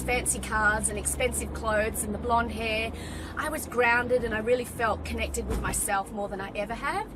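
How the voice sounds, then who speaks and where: A woman in her forties, born in Wales and raised in Western Australia, chats freely in a slightly high voice, trailing off into ums and restarting her sentences. She sits inside a car, and vehicle noise hums clearly behind her. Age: 40s. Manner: chatty, with many ums and restarts. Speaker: guest, fitness business owner. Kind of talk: casual interview chat. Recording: car interior with road noise.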